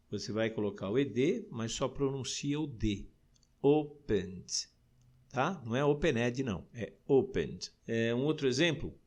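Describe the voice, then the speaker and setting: A Brazilian man teaching English grammar in an audio lesson, explaining patiently and slowing down to model English words. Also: medium pitch, a little mellow. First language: Portuguese.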